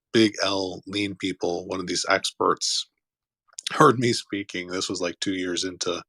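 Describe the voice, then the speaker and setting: A man hosts a casual online chat with plenty of enthusiasm and easy laughter. His voice sits low, with a bright, sharp edge. The sound is dry and close. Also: no echo. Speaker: host. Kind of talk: casual chat on an audio room.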